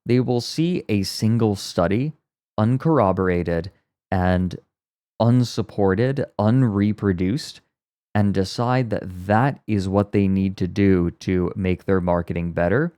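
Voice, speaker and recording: A man's voice: fairly low pitch, slow, warm tone, clear, resonant tone, no room sound. A man streaming and chatting casually as he reacts to a video, rambling and explaining with wry asides, his voice muffled because he records under a blanket for sound deadening. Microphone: close mic inside a blanket fort.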